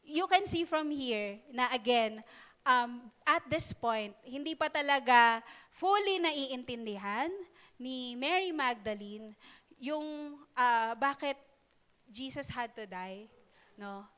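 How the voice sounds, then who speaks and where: A young woman preaching a sermon in a conversational, halting way, with many fillers and playful asides. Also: high voice, animated, fairly bright tone, clear, resonant tone. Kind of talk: sermon in Taglish.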